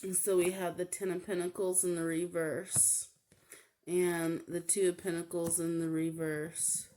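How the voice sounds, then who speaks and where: Slow, flat-voiced woman reading tarot. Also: fairly low pitch. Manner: halting, full of "like" and "um" fillers. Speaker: tarot reader. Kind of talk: casual tarot card reading.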